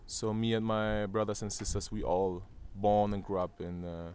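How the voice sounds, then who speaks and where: Interviewed on an outdoor terrace above a valley, a German man in his thirties with a German accent speaks hesitantly with many fillers and restarts. His voice is on the low side and a little mellow, with flat delivery at a moderate pace and slight background noise.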